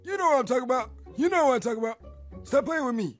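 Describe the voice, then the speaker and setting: Comedy cartoon: entitled rude customer, shrill, strained throat, pushy and repetitive, very lively pitch. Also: male voice, rapid-fire, soft background music. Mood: indignant, demanding. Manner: entitled customer impression, demanding, repeats himself. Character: rude entitled male drive-thru customer, wheezy and pushy. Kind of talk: animated comedy sketch dialogue.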